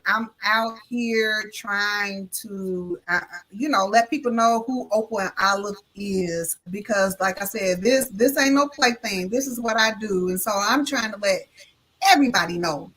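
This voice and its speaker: A little hiss or hum accompanies the video-call audio as the notary from Illinois, a live talk show guest, tells her story in a medium-pitched voice at a measured pace. Colloquial and animated, she mentions her faith and plays out every voice in the tale.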